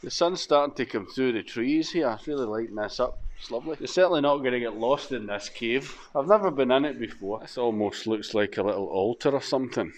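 A man's voice: medium pitch, brisk, hardly any pauses. A man in his forties, chatting and thinking aloud as he explores the countryside and a cave for his vlog. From Scotland. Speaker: motorcycle vlogger. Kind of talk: casual vlog narration. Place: outdoors in countryside and a rock cave.

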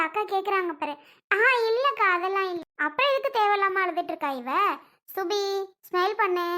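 A young woman in a family skit gently explaining things and comforting younger girls like a big sister. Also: extremely high pitch. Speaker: college student character, older sister figure.

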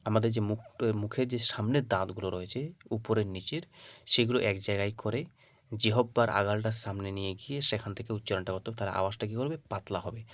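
In a lesson on pronouncing the Arabic alphabet for Quran reading, a man with a fairly low voice speaks fairly quickly. He calls out each letter loudly and drawn out, then explains it softly, checking in with his listeners after every point.

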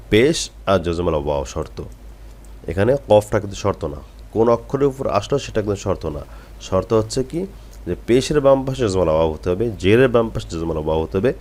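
A deep-voiced man teaches a reading lesson. He is patient and repetitive, sounding out each syllable slowly and going over it again. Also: a little mellow, slight background noise. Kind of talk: step-by-step recitation lesson.

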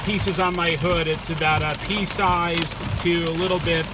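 A man's voice: fairly high pitch, fairly even intonation, moderate pace. A man reporting from inside his car during a hailstorm, speaking up as an amateur radio operator. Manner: speaking up over a loud hailstorm. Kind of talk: in-car storm vlog and radio chat. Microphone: handheld phone in car. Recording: far mic, loud rain and hail noise.

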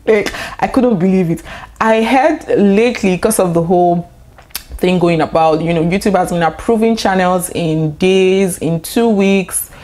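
Chatty young woman vlogging, slightly low voice. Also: a little slow. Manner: excited, chatty, frequent fillers and laughs. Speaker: YouTuber. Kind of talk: casual vlog monologue.

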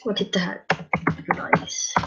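A woman doing casual gaming commentary, excitable and prone to loud shrieking laughter. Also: dull audio, music in the background. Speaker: gaming video creator.

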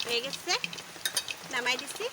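A woman narrating her home cooking in a casual vlog, talking very fast and hurrying from one step to the next. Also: high-pitched. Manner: talks very fast, rushes through. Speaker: home cook vlogger. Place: home kitchen. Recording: loud frying and background noise.

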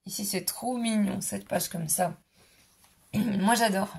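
A woman speaks slowly in a mid-range voice that's slightly rough with vocal fry, excitedly presenting her scrapbooking haul on camera. She repeats "trop mignon," and her strained voice leads her to clear her throat.

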